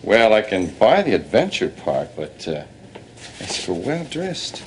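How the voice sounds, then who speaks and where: A man's voice: on the low side, wildly swooping pitch, measured pace. An actor playing a middle-aged family man in a soap opera, firm and dryly teasing. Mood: teasing, genial. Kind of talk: television soap opera acting. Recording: clear background noise, room ambience.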